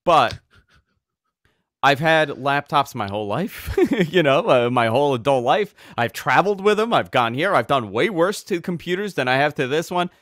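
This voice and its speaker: Animated New man on a podcast. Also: fairly high pitch, moderate pace, no room sound, studio quality. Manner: animated storyteller, repeats words when excited. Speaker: podcast host. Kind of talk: casual podcast chat.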